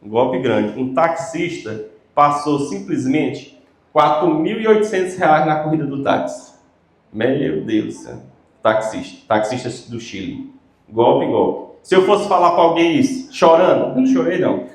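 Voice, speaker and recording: A man's voice: fairly high pitch, lively intonation, measured pace. A man giving a conversational lecture to teachers, often asking the audience rhetorical questions. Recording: roomy hall sound.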